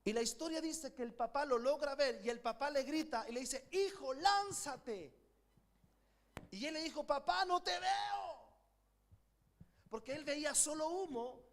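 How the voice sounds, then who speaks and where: A man's voice: extremely high pitch, fairly quick, few pauses. A middle-aged man with a Chilean accent, preaching a sermon with passion and calling his congregation to repeat after him. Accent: Chilean Spanish. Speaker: pastor. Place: church sanctuary.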